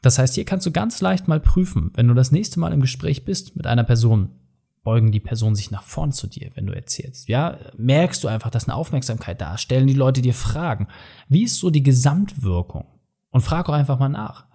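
A middle-aged man coaching his listener on how to speak, direct and emphatic, with a warm, mellow tone and a husky edge to his voice. He talks to the listener as a peer, urging and explaining like a motivational trainer. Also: medium pitch, lively intonation, brisk.

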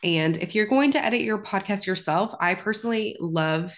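A woman's voice: mid-range voice, normal speed. A woman hosting a podcast, talking in a chatty, upbeat way with a congested sick voice. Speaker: podcast host. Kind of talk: casual solo podcast talk.

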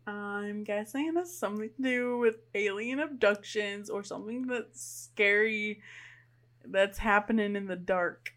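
A woman's voice: medium pitch, unhurried, a bit bright. A woman co-hosting a podcast in casual chat, teasing and laughing often. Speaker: podcast co-host.

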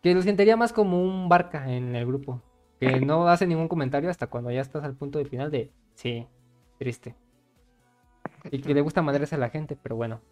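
Podcast host, Mexican, medium pitch, casual and foul-mouthed banter, music underneath. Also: fast talker, a little mellow. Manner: slangy, sweary. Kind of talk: casual, crude joking podcast chat. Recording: music behind the voice.

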